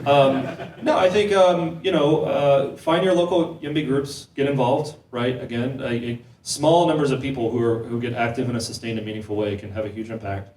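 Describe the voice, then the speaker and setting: Male panel speaker, casual and quick, restarts mid-sentence, room echo, mic at a distance. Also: mid-range voice, fairly even intonation, darkish tone, a little hiss or hum. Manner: quick, repeats words while thinking. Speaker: panel speaker on housing policy. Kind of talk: conversational panel discussion. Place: event hall.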